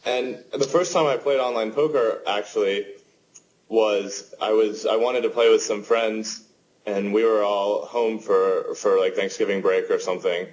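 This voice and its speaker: Guest, man in his twenties, low-pitched, chatty and rambling. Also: unhurried, slight background noise, rough recording. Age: 20s. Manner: relaxed, rambling with many fillers and restarts. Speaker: poker player guest. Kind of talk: casual interview answers.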